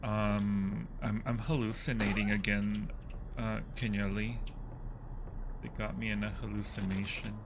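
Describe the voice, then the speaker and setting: Playing a horror game live, this male streamer talks in a lowish, level, unhurried voice. His commentary is relaxed and full of jokes, broken by exclamations and yelps whenever he gets a fright, with clear background noise behind him.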